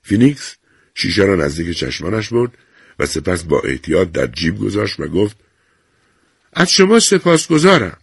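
Brief: male narrator reading fiction, lively pitch, gravelly husky voice, dry close sound. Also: dry recording. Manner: expressive, measured narration. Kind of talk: storytelling reading.

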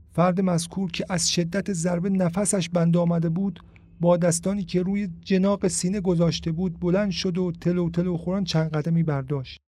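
High-voiced male storyteller, dry sound. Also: warm tone, no room sound. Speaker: audiobook narrator. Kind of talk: storybook narration.

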